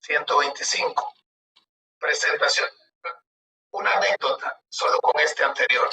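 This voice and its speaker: A man's voice: a little high, unhurried, bright, forceful tone. A man lecturing on law, reading legal articles aloud and explaining them in a conversational way, often asking rhetorical questions. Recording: roomy, distant mic with background noise.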